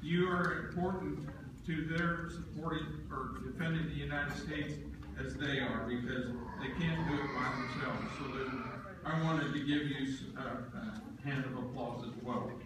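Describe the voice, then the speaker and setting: A man officiating a citizenship ceremony in a courtroom, encouraging and a little halting, with fillers. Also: a little high, steady tone. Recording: echoey room from far off, noisy.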